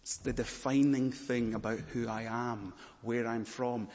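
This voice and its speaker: Man, pastor preaching a sermon, dramatic pauses and swells, long hall reverb. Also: medium pitch, fairly even intonation, darkish tone. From Malawi.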